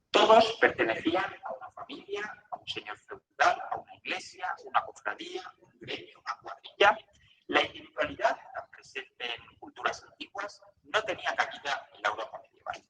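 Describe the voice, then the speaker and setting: A man's voice: creaky, recorded from a distance. Man narrating over choppy, cutting-out audio. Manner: formal, measured reading with lively pitch. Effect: choppy audio that keeps cutting out, like a buffering video stream. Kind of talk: scripted documentary narration. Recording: echoey video played through a call, faint noise.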